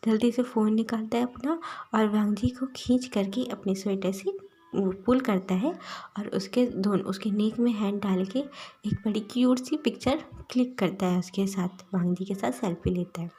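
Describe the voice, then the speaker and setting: A woman tells a fan-fiction story in a relaxed, casual way. Her voice is mellow and husky, with a soft, breathy quality and a middle pitch. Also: normal speed.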